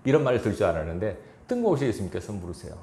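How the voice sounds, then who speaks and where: A man's voice: fairly low pitch, sing-song, rapid-fire, warm tone, echoey room, a little hiss or hum. A man pastor preaching a sermon in a church, chuckling now and then and acting out quoted lines. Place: church sanctuary.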